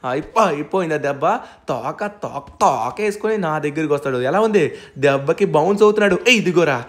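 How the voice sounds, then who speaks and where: A man hosting a gameplay video, narrating his role-play dramatically and shouting challenges at a villain. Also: a little high, animated, fairly quick.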